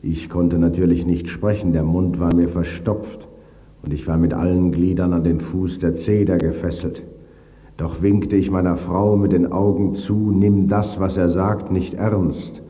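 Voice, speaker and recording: A man reading a dark literary story in a grave, brooding way, at times dropping to a whisper. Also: deep voice, fairly even intonation, moderate pace. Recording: dull reverberant recording.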